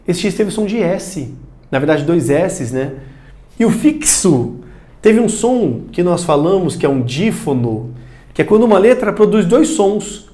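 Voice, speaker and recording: Brazilian male prep teacher, high bouncy voice, casual and chatty. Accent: Brazilian Portuguese. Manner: lively, chatty, plays student questions himself. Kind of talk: recorded video lecture. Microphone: studio recording facing a screen.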